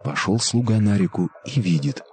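A man reading a scripted folk fairy tale in an expressive storytelling manner. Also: on the low side, moderate pace.

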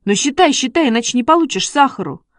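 A woman's voice: high-pitched, expressive, fast talker, dry recording, studio quality, pitched above the performer's own voice. Woman doing an eager, bossy schoolboy. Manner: eager, coaxing, exclaiming. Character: eager excitable schoolboy, bossy dog trainer. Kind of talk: storybook reading.

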